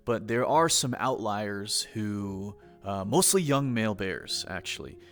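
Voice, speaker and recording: A man playing a calm male academy professor in a role-play, explaining things in a measured, unhurried way. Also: fairly low pitch, faint music behind. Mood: informative.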